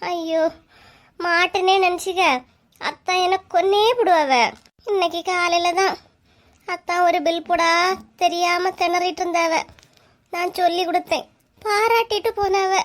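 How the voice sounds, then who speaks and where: A woman's voice: very high-pitched, fairly even intonation, unhurried, long pauses. A woman with a Kanyakumari Tamil accent voicing a frightened village woman who has been caught stealing a chicken. She talks in a fretful, pleading way and snaps at the people around her. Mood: despairing. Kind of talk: cartoon comedy voice acting.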